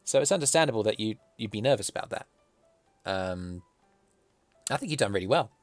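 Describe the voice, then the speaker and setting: A man with a posh, plummy accent from the south of England hosts a relaxed livestream chat. His voice sits fairly low and sounds dry, with some music behind him. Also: a little fast, dry recording. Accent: southern English, posh. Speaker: stream host interviewing artists.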